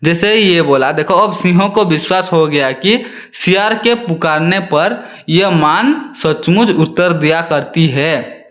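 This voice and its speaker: A man's voice: a little high, a little slow, fairly bright tone. A male teacher reading a story aloud to young children, often repeating lines and asking them questions.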